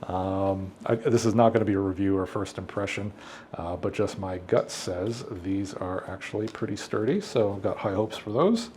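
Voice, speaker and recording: Thinking aloud in an unscripted, easygoing way, a middle-aged man who works in AV hosts an unboxing. He has a low, slightly mellow voice at a moderate pace, and there's a little background noise.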